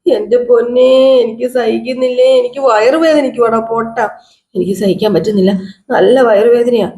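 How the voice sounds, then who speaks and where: A woman's voice: on the high side, fairly even intonation, fast, warm tone, natural voice. A woman voicing a scheming middle-aged mother who moans and wails as she fakes a stomach ache. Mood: moaning. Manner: wailing, moaning. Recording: roomy echo.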